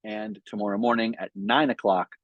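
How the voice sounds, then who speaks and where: A man's voice: fairly low pitch, steady tone, normal speed, dry recording, lo-fi sound. A man giving a weekly sermon as a rabbi, talking conversationally with frequent fillers and restarts. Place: in front of a Hebrew sign, dry room.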